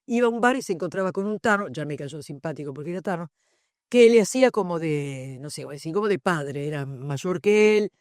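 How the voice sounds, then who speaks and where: A woman's voice: lowish voice, lively intonation, fairly quick, darkish tone, dry recording, clean studio sound. An older woman with an Argentine accent presenting a book, reflective and digressive, telling anecdotes. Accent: Argentine Spanish. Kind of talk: public book presentation talk. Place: university lecture room.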